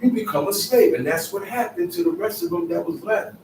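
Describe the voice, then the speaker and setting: A man's voice: high-pitched, a little fast, a little mellow, a little hiss or hum. A man giving a Sabbath scripture lesson, emphatic and repetitive, in casual street phrasing. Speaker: Bible teacher. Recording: echoey room, mic far off, faint ambience.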